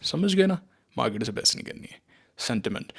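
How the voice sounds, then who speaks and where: A man teaching stock trading in casual, animated commentary, sarcastic and mocking, with Indian-accented English mixed into his talk. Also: mid-range voice, fairly quick, vocal fry, slightly rough. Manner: sarcastic, mocks listeners in mimicking voices. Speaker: stock market trading educator.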